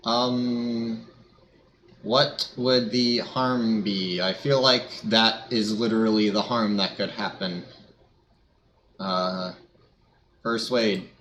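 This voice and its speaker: A man's voice: fairly low pitch, fairly even intonation, takes it slowly, long pauses, fairly bright tone, slight background noise. A man streaming a video game, giving casual, sarcastic, joking commentary.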